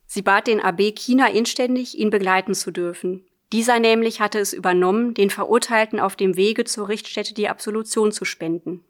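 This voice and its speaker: Woman narrating a literary audiobook, earnestly. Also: mid-range voice. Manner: measured, earnest, addresses a friend. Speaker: audiobook reader.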